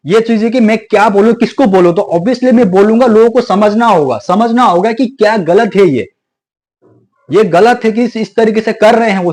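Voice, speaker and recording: Talking directly to camera in a relaxed monologue, a high-voiced man indignantly warns his audience. The tone is darkish, he says things more than once, and he slips into English here and there.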